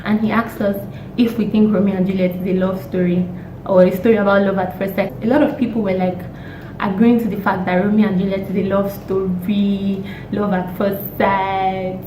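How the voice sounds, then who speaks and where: A young woman, hoarse from a cold, chatting casually and emphatically as a vlogger with exasperated rhetorical questions. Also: mid-range voice, flat delivery, normal speed, mellow. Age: young adult. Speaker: YouTube vlogger. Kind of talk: casual opinionated chat. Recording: roomy echo, distant mic, faint noise.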